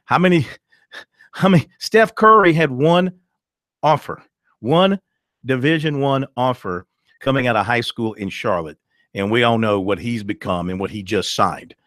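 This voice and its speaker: A man's voice: medium pitch, unhurried, a bit bright, dry recording, clean studio sound. Emphatic man ranting on sports radio. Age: 30s. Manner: emphatic, ranting, laughs easily. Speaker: sports talk show host. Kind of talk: opinionated sports talk radio.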